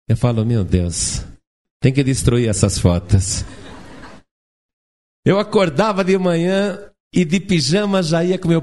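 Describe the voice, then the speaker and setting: A man's voice: on the high side, a little mellow. A middle-aged man preaching a sermon, asking the congregation questions and acting out the voices of children and parents. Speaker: pastor.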